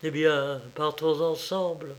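A wealthy baroness who pleads and frets through tears, put on by a male audiobook narrator. Her lines sit higher and louder than the narration. The delivery is slow and deliberate. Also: fairly even intonation. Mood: anxious. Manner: pleading, tearful. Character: distraught emotional woman, a wealthy baroness. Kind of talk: audiobook reading.

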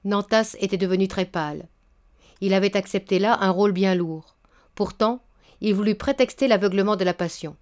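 A woman's voice: mid-range voice, normal speed. Woman narrating a classic story. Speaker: audiobook narrator. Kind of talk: scripted narration.

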